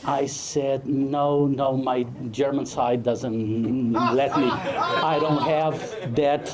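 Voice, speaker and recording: A man from Brazil, a film director giving a humorous, anecdotal talk at a networking event, halting often with fillers. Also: mid-range voice, steady tone, a crowd in the background.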